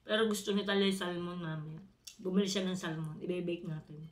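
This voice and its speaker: A woman's voice: lowish voice, steady tone, fast talker. A woman vlogging casually to her followers from her home kitchen, chatting and rambling while chewing food. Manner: chatty, rambling, addresses viewers directly.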